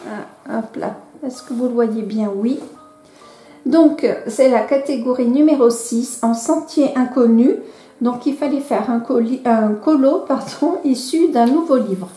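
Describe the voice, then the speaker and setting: A woman's voice: on the high side, a little slow, mellow. A woman chatting casually on a home vlog, hesitant and full of fillers, often correcting herself while showing her coloring books to a camera. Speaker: coloring vlogger. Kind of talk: casual show-and-tell vlog. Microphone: camera microphone she moves around. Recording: echoey room with faint background music.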